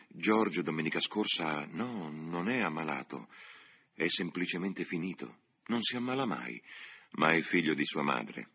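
A sorrowful old widower in a storybook reading, put on by a male narrator. The voice sits extremely deep and husky yet bright at the edges. He confides slowly and frankly, with a gentle, weary warmth. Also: expressive, heavily acted. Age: over 60.

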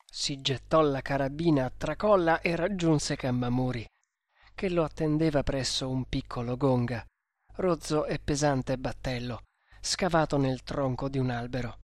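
A man reading an adventure novel aloud in measured storytelling narration. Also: medium pitch, no room sound, clean studio sound. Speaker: audiobook narrator. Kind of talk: scripted narration.

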